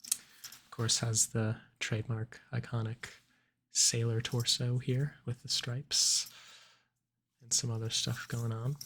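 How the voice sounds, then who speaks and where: A man in an ASMR role-play as a cologne salesman, giving measured, explanatory sales patter. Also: mid-range voice, flat delivery, fairly bright tone.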